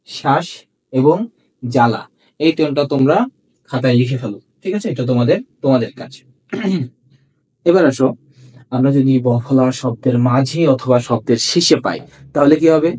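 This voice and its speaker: Husky-voiced Bangladeshi male grammar teacher. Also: fairly high pitch, a little mellow. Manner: explains step by step, asks students questions and answers them himself. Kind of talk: classroom lesson.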